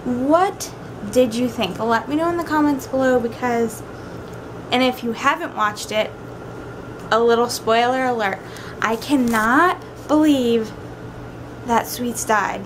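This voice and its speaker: A young woman vlogging casually at home in an informal, rambling way, full of "like" and "kinda". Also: fairly high pitch. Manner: informal, drawn-out asides with frequent "like" and "kinda". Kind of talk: casual daily vlog chat. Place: at home, indoors. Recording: clear background noise, home ambience.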